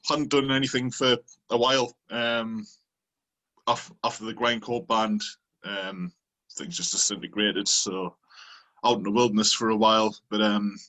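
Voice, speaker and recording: A man, a band member talking hesitantly, with many pauses and restarts. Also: lowish voice, pushed and bright, poor audio. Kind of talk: casual interview chat.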